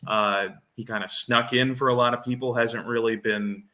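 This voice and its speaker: A man's voice: medium pitch, fairly even intonation, moderate pace, pushed and bright. A man co-hosting a fantasy football podcast, explaining his reasoning in casual chat and thinking aloud with frequent restarts and fillers.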